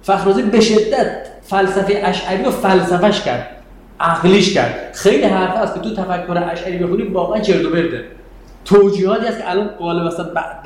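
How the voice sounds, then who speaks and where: A man's voice: sits high, slight background noise. A middle-aged man giving a university lecture in a conversational, digressive way, turning to his students with questions. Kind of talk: classroom lecture. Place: classroom. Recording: echoey room, faint background ambience.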